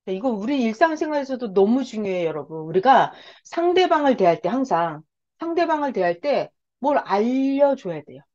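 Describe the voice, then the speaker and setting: A woman Bible teacher giving an animated Bible study lesson, often putting questions to her listeners. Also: on the high side, moderate pace, dull audio. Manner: animated, asks the audience frequent rhetorical questions.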